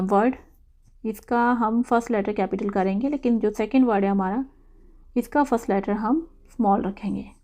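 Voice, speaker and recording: Reviewing answers to an exam quiz, a woman who teaches English reads every question aloud slowly in English, then explains it in Hindi. She speaks in a mellow, mid-range voice.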